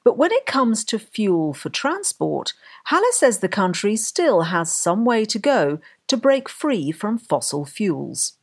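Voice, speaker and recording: A woman narrating a documentary script with a husky voice. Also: mid-range voice, sing-song, takes it slowly, hardly any pauses.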